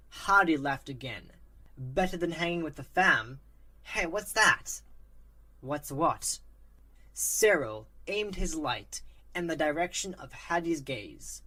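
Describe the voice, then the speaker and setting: A narrator reading a spooky story aloud with a steady, even delivery. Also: mid-range voice.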